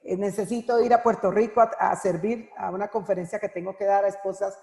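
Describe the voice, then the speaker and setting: A middle-aged woman giving an earnest, heartfelt personal testimony at an online women's conference, pausing often as she speaks. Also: mid-range voice, fairly even intonation, mellow, echoey room, big-room sound. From Colombia. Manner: earnest, heartfelt, halting with frequent pauses. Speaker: women's Bible teacher and speaker.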